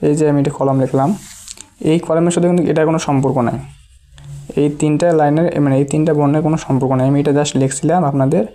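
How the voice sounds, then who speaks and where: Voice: mid-range voice, fairly even intonation, fast talker, mellow. A teacher, giving a patient step-by-step language lesson and repeating each syllable while writing.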